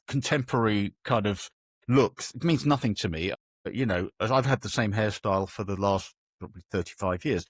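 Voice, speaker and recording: A man's voice: on the low side, dry recording, studio quality. A man hosting a casual football podcast, self-deprecating and steering the talk between guests. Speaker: podcast host.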